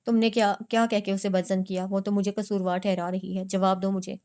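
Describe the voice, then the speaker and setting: A woman's voice: mid-range voice, little pitch movement, darkish tone, clean tone, natural voice. A woman reading the lines of an upset, defiant young wife, accusing and pleading.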